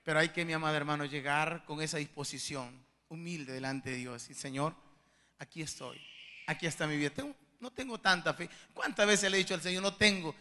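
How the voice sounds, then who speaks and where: Male pastor preaching in a big church hall; high, very bright voice, fervent, pleading tone, long echoing reverb. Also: animated, a little fast, few pauses. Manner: preaching with swings from soft, intimate asides to loud emphatic climaxes; fervent and pleading, addressing listeners as beloved brothers. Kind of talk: sermon.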